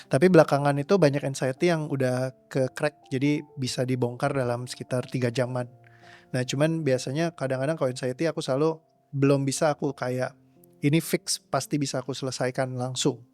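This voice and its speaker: A man's voice: mid-range voice, steady tone, fairly quick, a little mellow, faint music behind. A young man answering interview questions as a coach, rambling casually and slipping English words into his speech. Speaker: trauma release coach.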